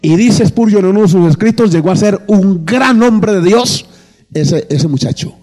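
A man's voice: high-pitched, expressive, normal speed, warm tone, long reverb tail. A male pastor preaching a sermon, telling a story and acting out both sides of the dialogue.

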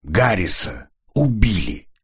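A man's voice: on the low side, moderate pace, breathy edge. A male audiobook narrator voicing a cold, hard-edged man who keeps pressing a nervous woman. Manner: flat, pressing, coolly menacing. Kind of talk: audiobook character reading.

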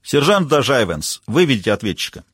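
A man's voice: mid-range voice, very animated, brisk, fairly bright tone, slightly rough, dry recording, studio quality. A man voicing a stern male judge who gives curt orders in a courtroom, in an audiobook. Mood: commanding. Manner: commanding, curt.

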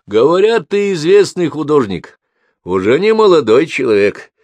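A man voicing a measured, stern father who calmly and firmly warns a stranger. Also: fairly high pitch, no room sound, voice pushed up. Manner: calm, firm, weighty.

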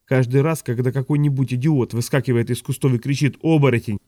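A middle-aged noblewoman, sharp-tongued yet tender, speaks softly with quiet, rising lines, as a male audiobook reader does her. The voice stays warm and dark and is recorded dry and close. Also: medium pitch, fairly even intonation, fast, no room sound, lightly acted. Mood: scolding.

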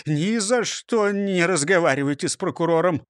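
A man voicing a sneezy, grumpy little fire-brigade creature with sudden squeaky outbursts in a storybook reading. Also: normal speed, clean tone, no room sound, studio quality, natural voice. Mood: stubborn.

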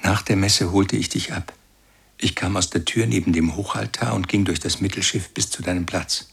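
A grown son looking back on a harsh, pious childhood in a literary radio drama. His voice is low and gravelly with a husky, rough edge, and his recollection is slow and brooding. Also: fairly even intonation, heavily acted. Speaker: first-person narrator. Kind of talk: literary radio play narration.

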